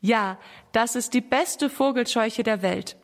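A woman's voice: a little high, slow pace, long reverb tail. A woman playing an eager little boy. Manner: eager, pleading.

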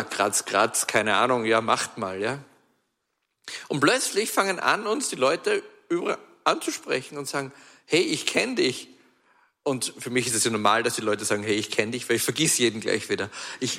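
A man preaching a sermon, telling stories in a chatty, lively way with frequent restarts and asides. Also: medium pitch. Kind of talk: storytelling sermon. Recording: long hall reverb.

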